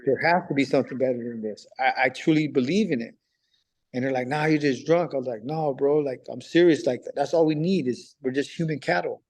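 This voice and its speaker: A man's voice: medium pitch, brisk. Casual man telling a story. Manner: casual street talk, acts out past dialogue, repeats himself. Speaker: podcast guest recently released on parole. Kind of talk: telling a personal story in conversation.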